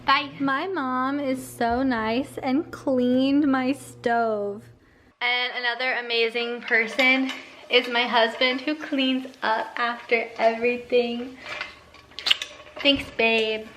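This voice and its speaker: A woman's voice: on the high side, fairly even intonation, slow, fairly bright tone, echoey room, a little hiss or hum, poor audio. A woman talking casually as she cooks and tastes food in her home kitchen for a cooking vlog, chatty and full of "um" and "like". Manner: chatty, many fillers like "um" and "like". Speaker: cooking vlogger.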